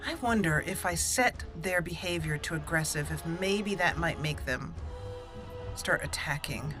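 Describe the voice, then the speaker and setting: A woman with a low voice hosts a let's play, giving gameplay commentary at an unhurried pace. She fretfully talks through each move as she plays, with music in the background.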